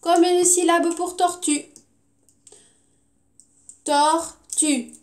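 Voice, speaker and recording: Slow, patient teacher woman. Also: fairly high pitch, expressive, darkish tone. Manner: slow and patient, stretching out words. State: tired. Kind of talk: classroom lesson for young children.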